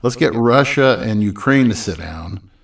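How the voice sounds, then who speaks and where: A man's voice: fairly low pitch, animated, a little slow, gravelly, far from the mic. Rambling male podcast co-host, off-mic. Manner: rambling, hesitant, many restarts and asides. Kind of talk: casual political chat.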